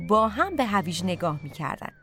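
A woman's voice: medium pitch, very animated, a bit bright, faint music behind. A woman narrating a bedtime story for children and speaking directly to them.

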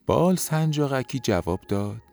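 A man narrating a children's bedtime story in a gentle, unhurried way. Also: mid-range voice, expressive, vocal fry, dry recording.

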